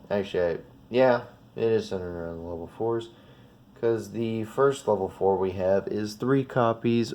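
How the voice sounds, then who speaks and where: This man's voice sits on the low side and is a little mellow, with a slightly congested, sniffly quality. A trading card video creator, he talks through his deck in an unscripted, informal way, wandering and self-correcting.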